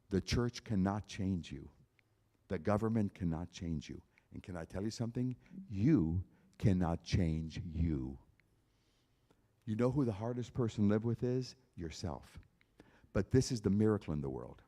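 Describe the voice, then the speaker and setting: A man's voice: sits low, dark tone. A man, a concert pianist, giving an emphatic evangelistic talk at a church concert, appealing directly to his listeners with repeated phrases.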